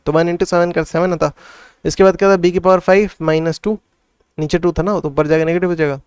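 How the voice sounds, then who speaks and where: Recorded dry with studio quality, this man has a fairly high, darkish, clear and resonant voice. He's a tutor talking through maths problems step by step, reasoning aloud and checking in frequently with "theek hai."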